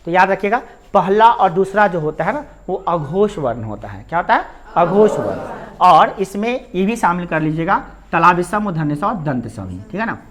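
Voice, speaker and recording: A man's voice: high-pitched, very animated, moderate pace, fairly bright tone. A man teaching a Hindi grammar lesson, repeating points and quizzing the listener with rhetorical questions.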